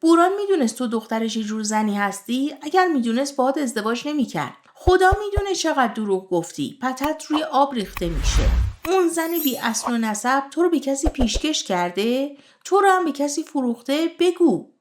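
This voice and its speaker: A woman's voice: sits high, sing-song, slight background noise. A woman voicing a bitter, scolding middle-aged mother-in-law, accusing and taunting. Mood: scornful.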